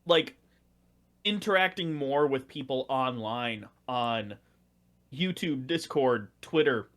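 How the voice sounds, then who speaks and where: A man's voice: medium pitch, animated, slow pace, fairly bright tone. A young man chatting as a podcast guest, rambling with many likes and restarts. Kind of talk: casual chat.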